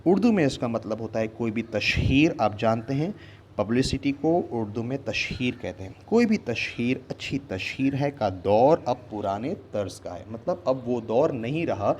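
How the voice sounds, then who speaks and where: A man teaching English vocabulary in a slow, deliberate way, repeating each pronunciation. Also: mid-range voice, animated, a little mellow, a little hiss or hum. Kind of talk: bilingual language lesson.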